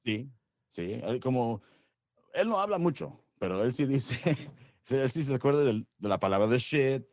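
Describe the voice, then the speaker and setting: A man joining as a guest on a casual podcast chat, talking in halting, restarted sentences about his kids. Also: mid-range voice, lively intonation, a little mellow, no room sound, clean studio sound.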